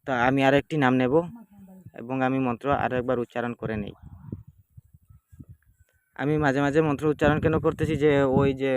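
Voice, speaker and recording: A man, calmly explaining a folk ritual to his viewers in plain, repetitive casual speech. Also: medium pitch, fairly quick, long pauses. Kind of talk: casual spoken demonstration. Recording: clearly noisy home video.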